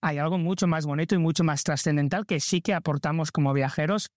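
Fast and fairly high-pitched, a Spanish-accented man from Barcelona earnestly fields interview questions on travel. He works as a travel content creator and trip organizer, and the studio-quality audio has no room sound.

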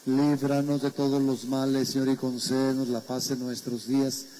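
A man serving as priest, reciting the prayers of the Mass in a slow, measured, solemn way. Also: mid-range voice, monotone, warm tone, slight background noise, rough recording.

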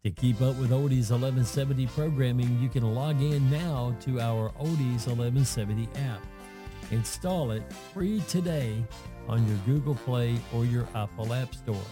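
A man reading a station promo in a smooth radio announcer voice. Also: medium pitch, normal speed. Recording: clear music bed under voice.

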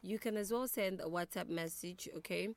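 A Nigerian woman hosting a live radio call-in show, briskly prompting callers with quick questions. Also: on the low side. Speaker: radio host.

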